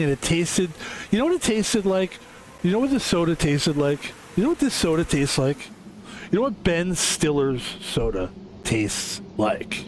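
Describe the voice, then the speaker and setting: Young male streamer from Philadelphia, slightly high voice, casual rambling chatter. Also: slight background noise. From Philadelphia, USA. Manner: rambling, self-interrupting storyteller. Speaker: game streamer.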